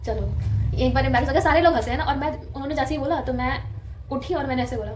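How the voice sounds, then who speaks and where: High-voiced chatty young woman vlogging. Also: fast talker, slight background noise. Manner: chatty, laughs often, mixes English into Hindi. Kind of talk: casual storytelling vlog.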